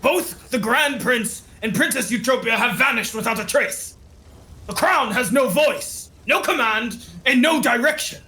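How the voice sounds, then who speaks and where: A man's voice: extremely high pitch, lively intonation, pushed and bright, heavily acted. A man voicing a weary nobleman who gives a formal, grim status report in a tabletop game. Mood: grave. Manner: measured, formal.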